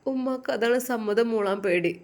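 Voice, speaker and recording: A woman's voice: a little high, moderate pace, close to an everyday voice. A woman voicing a worried, loving old mother who speaks tenderly and anxiously in a storybook tale.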